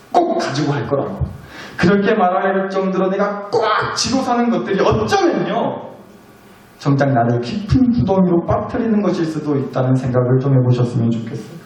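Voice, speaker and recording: Male pastor, high and expressive, conversational sermon, distant mic in a very reverberant sanctuary. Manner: conversational preaching with rhetorical questions; acts out voices of people in his stories. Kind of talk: Sunday sermon. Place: church sanctuary. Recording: very echoey church hall, mic at a distance.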